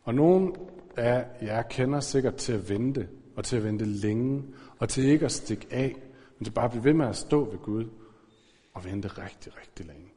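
A man's voice: mid-range voice, mellow, in a large hall. A man preaching a sermon as pastor, talking conversationally with frequent fillers and self-corrections.

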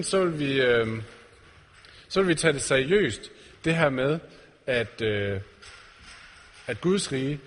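A male preacher at medium pitch gives an earnest sermon, putting direct questions to the congregation. Slight background noise accompanies the reverberant church-hall recording.

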